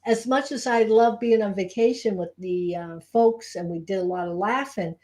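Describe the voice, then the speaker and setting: Female co-host and Reiki teacher, mid-pitched voice, informal live chat delivery. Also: moderate pace, dark tone. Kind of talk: casual chat on a live show.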